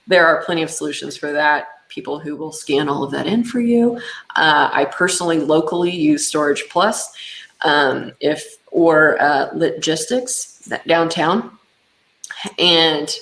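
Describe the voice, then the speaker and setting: A woman's voice: sits low, fairly bright tone. A woman hosting a casual business webinar, talking conversationally with fillers like um and you know. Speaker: webinar host and business owner. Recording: echoey room sound.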